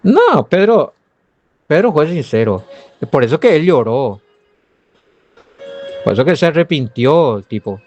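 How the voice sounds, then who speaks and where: A man from Paraguay with a Paraguayan Spanish accent, a pastor giving a Bible commentary and answering listener comments with animated rhetorical questions aimed straight at his listeners. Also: on the high side, measured pace, pauses often, lo-fi sound, soft background music.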